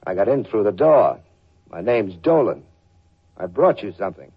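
In the style of 1940s radio drama, a male actor plays a tough, sardonic, wisecracking private eye, delivering hardboiled lines and narration in slangy period fashion. His fairly low voice is sing-song and breathy-edged, at normal speed and heavily acted, with a menacing mood. The old recording sounds dull and lo-fi.

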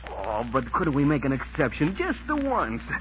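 A man's voice: a little high, wildly swooping pitch, moderate pace, a bit bright, a little hiss or hum. An actor playing a playful, romantic pirate crewman who pleads with his captain, in an old radio drama. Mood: eager. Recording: muffled old radio recording.

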